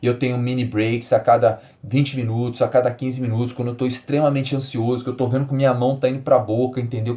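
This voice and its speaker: A man in his forties from Brazil, hosting a solo health podcast and explaining ideas with emphatic repetition, then easing into calm, soft phrasing. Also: medium pitch, a little hiss or hum. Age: 40s. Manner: animated, emphatic, repeats key words, drops to calm soft tones. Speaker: podcast host.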